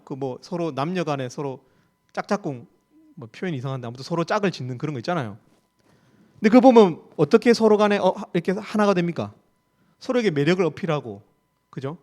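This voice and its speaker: Gyeongsang-accented male preacher, high voice, emphatic, lots of rhetorical questions. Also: a little mellow. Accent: Gyeongsang Korean. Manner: emphatic, rhetorical questions, repeats key phrases. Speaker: campus ministry staff preacher. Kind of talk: sermon.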